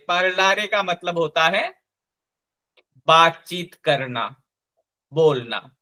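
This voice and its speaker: A man teaching a live online language class, slowly and patiently spelling out each sound. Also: high voice, sharp tone.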